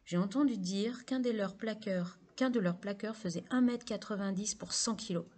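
An earnest teenage football boy, read by a woman narrator, speaking plainly and a touch defensively. The voice stays close to the reader's own middle pitch, a storybook figure rather than a full character voice. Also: normal speed, a little mellow, close to an everyday voice. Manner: matter-of-fact, slightly defensive.

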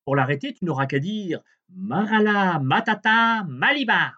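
Guy doing a tiny magic dwarf, squeaky and bouncy, kind of muffled recording. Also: expressive, a little slow, exaggerated voice. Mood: grand. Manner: high, bright and emphatic. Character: tiny hungry male dwarf, kindly magical. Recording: dull lo-fi recording.

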